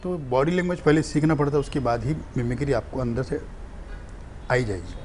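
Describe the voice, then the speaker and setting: A man's voice: mid-range voice, a little fast, slight background noise. A man, a stand-up comedian and mimic, telling stories animatedly in a casual interview. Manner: animated storytelling.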